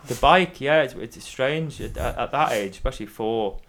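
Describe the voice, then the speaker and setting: A man's voice: medium pitch, expressive, moderate pace, a bit bright, a little hiss or hum. A man in his thirties with a mild Isle of Man accent, chatting casually as an interview guest and hesitantly thinking aloud. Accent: fairly neutral Manx. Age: 30s. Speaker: podcast guest, former athlete.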